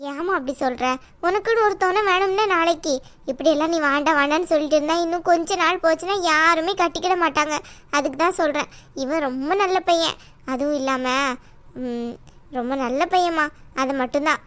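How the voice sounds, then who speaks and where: A woman voicing a chatty, pushy middle-aged auntie who insists on arranging a match in an animated story. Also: high-pitched, a little fast. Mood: coaxing. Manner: coaxing, insistent, talks at length. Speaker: married neighbour acting as matchmaker. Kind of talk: cartoon voice acting.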